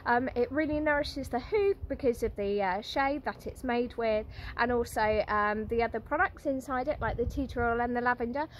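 Woman, 30s, casual vlog host, chatty with fillers, slightly high voice, outdoors, phone at arm's length, clear outdoor noise. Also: moderate pace. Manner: chatty, lots of ums and uhs. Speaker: vlog host reviewing horse products. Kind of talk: casual product review vlog. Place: outdoors at a stable yard and field.

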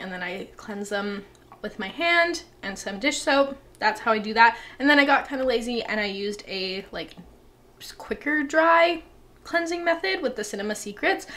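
A beauty vlogger in her twenties chats casually to the camera at home, moving between bathroom and living room. Her mid-range voice is bright and forceful, and she gushes bubbily with plenty of filler words.

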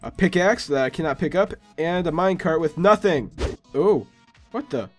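A man's voice: fairly high pitch, animated, normal speed, faint music behind. A man giving casual gameplay commentary as a video host, exclaiming and talking to himself with playful sarcasm.

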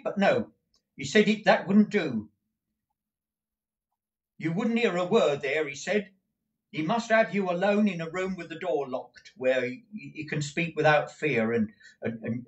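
A man voicing a put-upon male clerk who speaks loudly and bluntly, stammering as he goes. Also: a little high, muffled recording, pitched above the performer's own voice.

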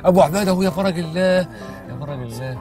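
An Egyptian man hosting a hidden-camera prank as a taxi driver, pleading and swearing oaths in quick street banter inside a taxi. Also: high-pitched, over music. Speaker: prank show host posing as a taxi driver.

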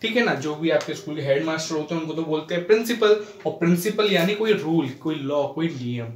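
A male teacher giving a classroom grammar lesson to children, often checking they follow and reading English examples slowly. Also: on the high side, lively intonation, a little hiss or hum. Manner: addresses children, frequent "ठीक है ना" checks, slow spelled-out English examples. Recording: echoey room.

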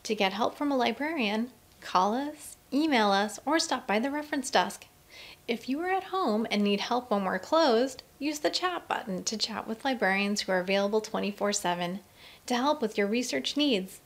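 A woman narrating a scripted screencast tour of a college library website, reading in a clear, friendly instructional way. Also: fairly high pitch, lively intonation, moderate pace.

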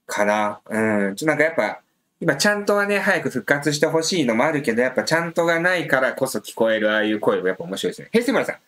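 Chatty man with a lively pitch. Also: fast talker. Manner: chatty, muses aloud with many fillers, reads viewer comments. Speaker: livestream host previewing a soccer match. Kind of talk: casual live-stream chat.

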